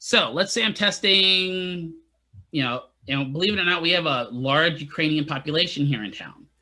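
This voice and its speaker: Relaxed in front of his therapy students, this instructor keeps the lecture casual, tossing in jokes and checking in with "right?" again and again. The voice is bright, forward and a bit high for a man, moving at a normal speed with lively intonation.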